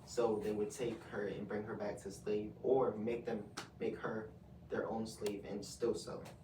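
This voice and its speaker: A man's voice: lowish voice, flat delivery, measured pace. A man leading a casual student book discussion, reading out quotes and asking questions. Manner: reads out quotes, then asks questions. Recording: echoey room, far from the mic, noisy.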